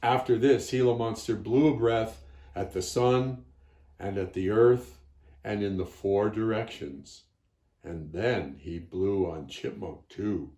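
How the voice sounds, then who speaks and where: A man reading a children's story aloud slowly and expressively as storyteller. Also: on the low side. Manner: slow, gentle and expressive. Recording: roomy echo.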